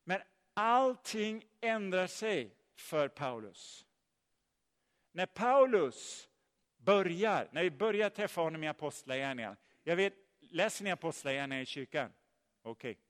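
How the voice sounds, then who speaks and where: A man preaching a sermon, telling the story in a lively way and putting questions to his listeners. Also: high-pitched. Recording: long hall reverb.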